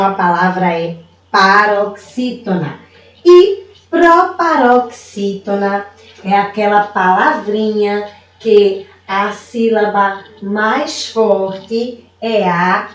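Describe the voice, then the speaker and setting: A woman teacher from Brazil giving a recorded video lesson to young pupils, patient and slow, stretching out syllables as she explains. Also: medium pitch, recorded from a distance. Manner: calls herself auntie, speaks warmly to young pupils. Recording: roomy echo, voice away from the mic.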